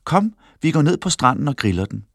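A man's voice: on the high side, very animated, creaky, no room sound, studio quality, pitched above the performer's own voice, exaggerated voice. A man voicing a sly, cheerful trickster in a children's storybook reading, teasing and matter-of-fact. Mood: obliging.

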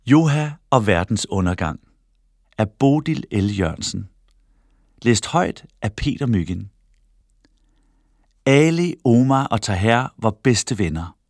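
Gravelly man reading a children's story. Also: on the low side, animated, long pauses, no room sound, studio quality. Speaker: reader. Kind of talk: children's story read aloud.

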